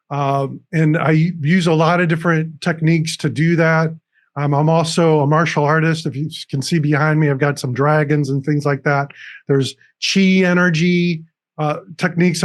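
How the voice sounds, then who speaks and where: An earnest man whose voice sits a little higher than most men's, explaining his methods step by step and restarting his sentences often. He speaks as an interview guest over a video call. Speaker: recovery coach guest. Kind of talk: interview on a TV show. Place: room with dragon decorations behind him.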